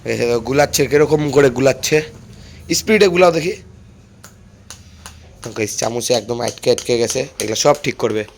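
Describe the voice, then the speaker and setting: A young man chatting to viewers while filming a casual phone vlog at home and on local roads, slightly hoarse. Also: medium pitch, expressive, normal speed, pauses often, slight background noise. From India. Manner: chatty, addresses viewers as "guys". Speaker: vlogger.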